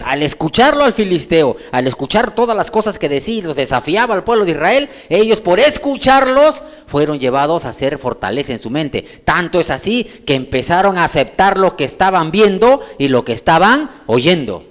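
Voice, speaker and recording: A man preaching a sermon with a lively, swooping voice that sits a bit high. He tells his story with energy and voices each person in it. The sound is dull and rings through a big hall. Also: normal speed, few pauses. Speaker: pastor.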